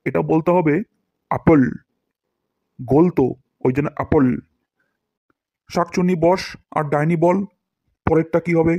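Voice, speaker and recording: A man playing a self-important cartoon teacher who scolds his pupils and hams up every word he demonstrates. His voice sits a little high for a man, recorded close and dry with no room sound. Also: normal speed, long pauses, a little mellow, no echo, dull audio. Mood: scolding. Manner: pompous, scolding, theatrical demonstrations of words. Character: boastful, scolding male English teacher. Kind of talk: cartoon voice acting.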